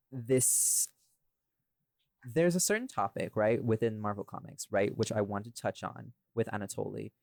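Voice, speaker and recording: The voice is on the low side and a little mellow, belonging to a podcast host and audio series creator in a casual discussion. He rambles and reasons aloud, often tacking on "right?". There is no echo.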